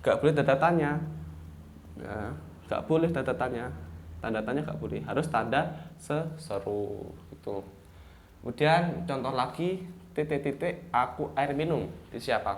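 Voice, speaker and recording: A man's voice: mid-range voice, animated, slight background noise. A man teaching young pupils an online lesson, speaking with a Javanese-influenced Indonesian accent, explaining step by step with frequent checking words and acting out example commands. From East Java, Indonesia. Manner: explains slowly with repeated "ya" and "nah" checks; demonstrates example sentences with raised intonation. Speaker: primary school teacher.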